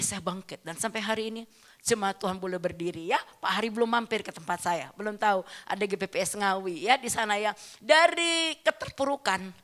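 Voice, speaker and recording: A middle-aged woman pastor, preaching a sermon that moves between hushed, slow testimony and loud, emphatic exhortation. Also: mid-range voice.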